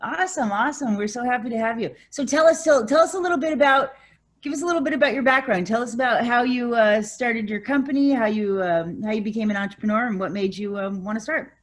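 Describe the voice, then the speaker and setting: A woman's voice: on the high side, fast talker. Enthusiastic woman hosting a live interview. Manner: enthusiastic, repeats words, encouraging. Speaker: host.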